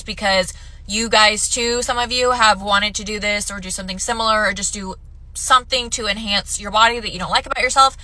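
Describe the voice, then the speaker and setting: Woman vlogger, congested nasal tone, bright and forthright, casual chat. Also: medium pitch, rough recording. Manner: candid, chatty, talks straight to viewers. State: stuffy, congested nose.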